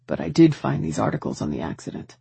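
A woman's voice: extremely low pitch, sing-song, quick pace, vocal fry, mellow, slightly rough, dry recording, pitched below the performer's own voice, exaggerated voice. A woman voicing a blunt, worried young man in an audiobook.

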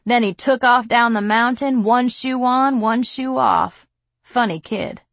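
A woman voicing a mocking, predatory bald male thug who drawls his taunts and drops to a menacing hush. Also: high-pitched, expressive, unhurried, creaky, slightly rough, no room sound, pitched above the performer's own voice, exaggerated voice.

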